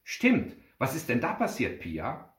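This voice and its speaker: A man's voice: mid-range voice, wildly swooping pitch, a little slow. Exasperated storybook mum, scolding, as a man puts her on; roomy echo. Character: exasperated mother of two.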